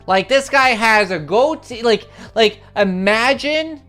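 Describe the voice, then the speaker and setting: A livestream host tells a long story in casual chat, rambling with constant filler words and keeps saying how crazy it all is. The voice is smooth and clear at a middling pitch. Soft music plays faintly underneath. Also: slow. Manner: excitable, repeats "it's crazy".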